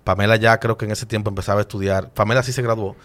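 A man, a chef guest in an interview, telling stories in an animated and emotional way with frequent restarts. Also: lowish voice, very fast. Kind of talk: casual interview storytelling.

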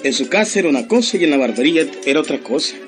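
A man's voice: fairly high pitch, lively intonation, racing, faint music behind. A man narrating a radio play, telling the story to a listener.

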